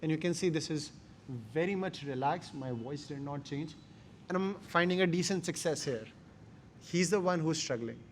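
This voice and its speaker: Male martial arts instructor, Indian accent, slightly high voice, emphatic short phrasing, live class with some background noise. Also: moderate pace. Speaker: jiu-jitsu instructor.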